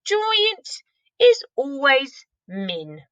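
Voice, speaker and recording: In a full character voice, high-sitting and pushed up, a woman reads very slowly from a storybook as a huge, very old, kindly male giant who mangles his grammar. The storytelling delivery is lively, and the recording is dry and muffled.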